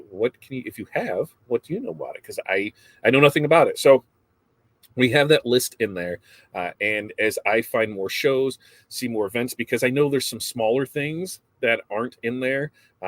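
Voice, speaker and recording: Husky-voiced man hosting casual live chat. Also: lowish voice, no room sound. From United States. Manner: chatty, rambling, greets viewers by name. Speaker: livestream host. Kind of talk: casual live chat reading viewer comments.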